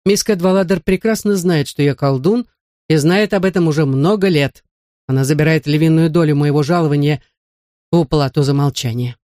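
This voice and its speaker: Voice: mid-range voice, normal speed, warm tone, no room sound, clean studio sound, close to an everyday voice. A narrator voicing a timid, flustered schoolmaster who is secretly a wizard, nervous and pleading, in a storybook reading. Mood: anxious. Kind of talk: audiobook character voice.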